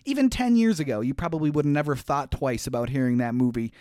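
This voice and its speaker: A man's voice: medium pitch, expressive, fast talker, a little mellow, no room sound, studio quality. A man co-hosting a podcast, chatting casually through a movie recap with loose rambling asides and easy laughter. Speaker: podcast co-host recapping a film.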